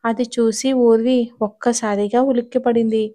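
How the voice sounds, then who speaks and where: A woman narrating a serialized audio story in a steady, measured way. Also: on the high side, no echo.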